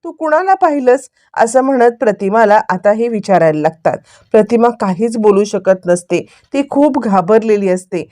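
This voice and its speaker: A woman's voice: normal speed, dry recording, studio quality. A woman narrating a recap of a television serial episode, retelling the scenes as a story and lifting her voice when she acts out the characters' lines. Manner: animated retelling, raising her pitch for quoted dialogue.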